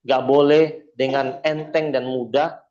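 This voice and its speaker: A man's voice: medium pitch, a little slow, dull audio. A man preaching, telling stories and acting out quoted voices. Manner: lively storytelling, acts out quoted voices. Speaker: Islamic preacher. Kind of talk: casual Jakarta-style sermon.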